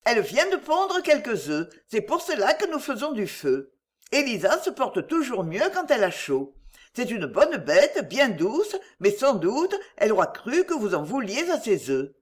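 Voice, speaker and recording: A narrator voicing a brisk, commanding lady of the house who speaks with matter-of-fact authority, in an audiobook reading. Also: medium pitch, wildly swooping pitch.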